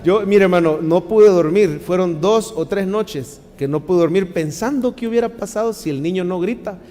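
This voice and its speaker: A man preaches a sermon in a high voice. He moves between hushed and forceful passages. A long reverb from the large hall trails behind his words. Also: normal speed. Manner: impassioned, swinging between hushed and loud. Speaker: pastor.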